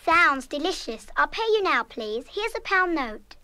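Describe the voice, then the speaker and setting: A woman's voice: sits high, sing-song, a little slow, sharp tone, heavily acted. An actress playing an impulsive, good-hearted schoolgirl of about eleven in a children's radio play, with an eager, emphatic delivery. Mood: eager, polite. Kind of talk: 1970s full-cast children's radio play acting.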